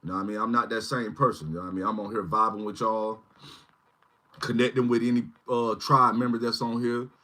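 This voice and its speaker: A man's voice: on the low side, steady tone, fairly quick, pushed and bright. A man in his forties hosting a casual livestream, rambling and often asking "you know what I mean". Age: 40s. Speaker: channel host.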